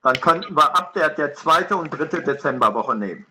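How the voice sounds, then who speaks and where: Sharp-voiced man in a meeting. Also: fairly high pitch, expressive, rough recording. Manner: brisk, self-correcting. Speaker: party board member. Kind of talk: meeting discussion.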